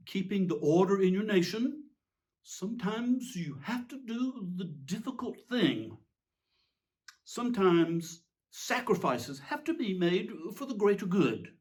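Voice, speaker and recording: A man acts out a petulant tyrant king in a dramatic monologue, his highish voice swooping widely. He is pompous and indignant, forever justifying himself, and leans on emphatic pauses as he declaims. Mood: defensive, pompous. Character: King Herod, petulant, self-justifying male tyrant in exasperation. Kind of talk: theatrical dramatic monologue reading.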